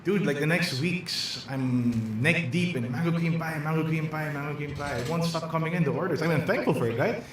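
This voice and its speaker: A man's voice: fairly high pitch, fairly quick, hardly any pauses, a crowd in the background. A man from the Philippines with a Filipino accent, a guest chef in casual podcast chat, talking freely with frequent restarts and laughing often. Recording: very echoey room.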